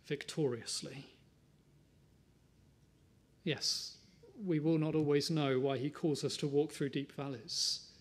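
A man preaching a sermon, earnest and measured, building to emphatic lines and dropping to soft, tender ones. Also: on the high side, slightly rough.

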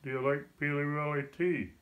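An elderly man from North East Scotland with a broad Scots Doric accent, explaining things in a measured way in casual chat at home. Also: a little high, fairly even intonation, narrow, tinny audio, slight background noise. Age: 70s or older. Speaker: grandfather. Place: living room at home, seated in an armchair. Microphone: phone camera a short way off.

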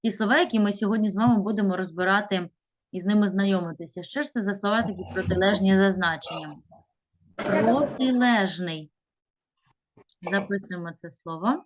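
A woman's voice: mid-range voice, highs cut off, a little hiss or hum. A woman teaching a classroom lesson, stretching out words as she dictates and coaxing pupils with questions. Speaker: primary school teacher.

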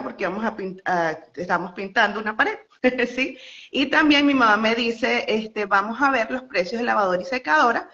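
A young Venezuelan woman spills out a story in a bright, forward voice, full of fillers, restarts and little laughs. The line sounds slightly muffled and lo-fi. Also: fairly high pitch. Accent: Venezuelan Spanish. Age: young adult. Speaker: interview guest. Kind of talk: casual phone interview storytelling.

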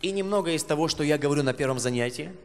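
A man in his thirties interpreting a talk phrase by phrase, now and then halting to reword himself. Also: a little high. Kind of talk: consecutive interpreting on stage. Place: large church auditorium with audience. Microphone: handheld microphone. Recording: hall reverb, faint hum.

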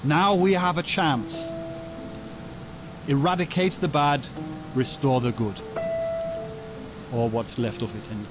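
A man's voice: medium pitch, measured pace, pauses often, music in the background, close to an everyday voice. An actor voicing a commanding, theatrical male doctor who brings the dead back to life in a video game. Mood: eager.

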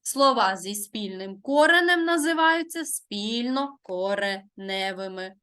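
A woman teaching a primary school language lesson. She speaks slowly and carefully, as in dictation, and asks questions that she answers herself. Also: mid-range voice, animated, pushed and bright. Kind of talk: online Ukrainian language lesson.

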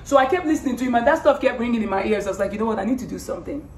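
A woman with a hoarse voice that is giving out, talking casually and earnestly in a personal vlog, rambling and repeating phrases for emphasis. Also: a little high, lively intonation, very fast. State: hoarse, losing her voice. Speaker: vlogger. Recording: roomy, distant mic, faint background noise.

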